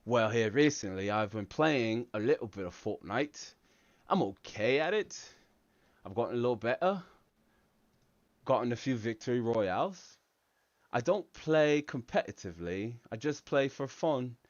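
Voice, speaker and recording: A man's voice: mid-range voice, brisk, clear, resonant tone, no room sound, lo-fi sound, natural voice. An American man, a tech channel host, putting on a hammy fake London English accent with British slang during a livestream Q&A. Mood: playful. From United States.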